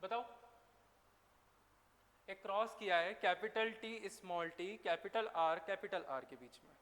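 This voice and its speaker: A biology teacher with a high, slightly bright voice speaks a little slowly, weaving a story into his lecture while chatting with and teasing his students. The sound is that of a large, echoey hall, with faint room noise.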